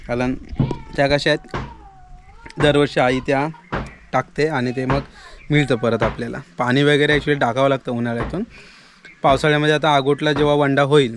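Outdoors in a rural village yard, a thirties-aged vlogger from the Konkan coast of Maharashtra, India, talks casually to his viewers, holding the camera at arm's length. He has a medium-pitched voice and a Konkani Marathi accent, and there is background noise.

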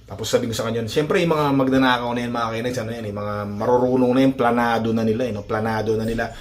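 A man's voice: medium pitch, quick pace. Chatty man recording a phone vlog. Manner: animated, chuckling, tag questions. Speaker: vlogger. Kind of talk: casual storytelling to viewers.

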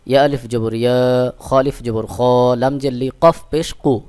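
Male religious teacher, Bangladeshi Bengali accent, clear resonant tone, brisk spelling with slow sung words. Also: medium pitch, a little mellow. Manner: slow drawn-out chanting of each joined word after brisk spelling. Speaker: Quran recitation teacher. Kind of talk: spelling out Arabic letter by letter for learners.

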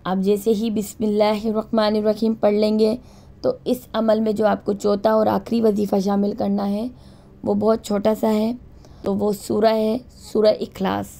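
A woman giving calm, repetitive religious instruction, reciting short phrases slowly between her explanations. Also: mid-range voice, vocal fry. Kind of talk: spoken instruction with slow recitation.

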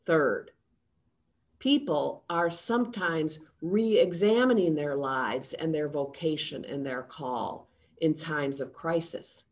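An older woman in her sixties gives a formal, prepared address from her home study over a video call. Her delivery is slow and unhurried, set in a slightly low register, and she keeps a steady, measured tone throughout. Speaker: seminary president. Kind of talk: prepared address to a town hall.

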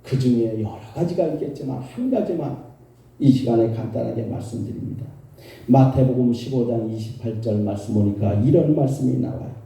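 A male pastor preaching a sermon, telling a story with emphatic repetition and animated delivery. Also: medium pitch, brisk, creaky. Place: church sanctuary. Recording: echoey hall from far off.

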